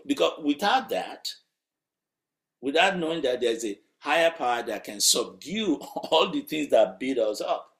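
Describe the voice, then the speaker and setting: A man's voice: mid-range voice, vocal fry. A man preaching a sermon in a conversational, emphatic way, asking rhetorical questions. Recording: roomy echo.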